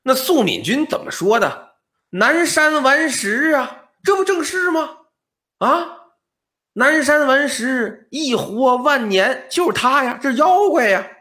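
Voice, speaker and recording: A man's voice: high-pitched, wildly swooping pitch, moderate pace, a bit bright, exaggerated voice. A man doing chiding know-it-all relatives. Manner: chiding, repeating "you see".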